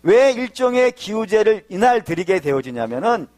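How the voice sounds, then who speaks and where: A male pastor giving a sermon, explaining patiently, asking and answering his own questions, with sudden loud emphatic bursts. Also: sits high, sing-song, normal speed.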